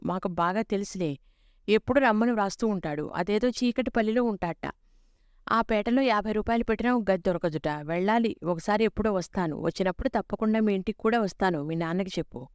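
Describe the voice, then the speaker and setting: A nosy older village woman who pries without tact, asking one blunt question after another, voiced by a woman reading the story aloud. The voice is smooth and clear. The sound is close and dry, with no room around it. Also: mid-range voice, a little fast, no echo, natural voice. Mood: prying, blunt. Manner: prying, loud and blunt.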